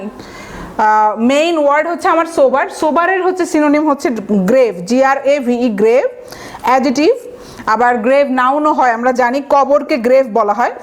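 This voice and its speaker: A woman with a high voice giving a vocabulary lecture for exam preparation. She walks through each word step by step and spells it out letter by letter. She keeps asking the class rhetorical questions, with the odd filler. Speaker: vocabulary teacher.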